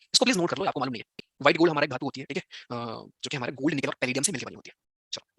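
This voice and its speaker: Fast-talking bright-voiced male teacher. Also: mid-range voice, breathy edge, no echo, clean studio sound. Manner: teasing, scolds students by turns. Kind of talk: live online exam-prep class.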